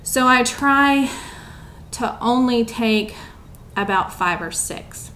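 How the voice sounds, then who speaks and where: A woman's voice: on the high side, takes it slowly, sharp tone. A young woman chatting casually to camera at home, rambling with lots of ums and a bit out of breath. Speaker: vlogger.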